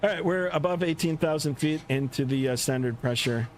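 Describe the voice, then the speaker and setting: A man hosting a flight simulator livestream in casual commentary, with halting, pause-filled phrasing. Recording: steady aircraft rumble behind voice. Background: engine rumble.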